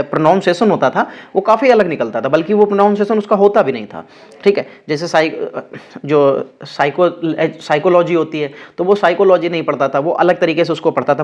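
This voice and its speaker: A young man teaching an exam-prep vocabulary lesson, spelling words out letter by letter. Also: high-pitched.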